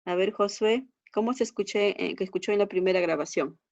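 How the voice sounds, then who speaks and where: A woman's voice: medium pitch, fairly quick, a little mellow, no room sound. Woman teacher on a dull, muffled line. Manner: patient, checks understanding with frequent tag questions. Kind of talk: online class instruction. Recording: dull, muffled lo-fi class recording.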